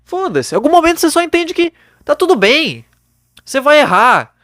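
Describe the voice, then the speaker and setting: A man's voice: very high-pitched, very animated, a little fast, a bit bright, no echo, clean studio sound. A young man hosting a podcast from his bedroom, giving blunt, casual advice into a microphone and swearing freely. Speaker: podcast host.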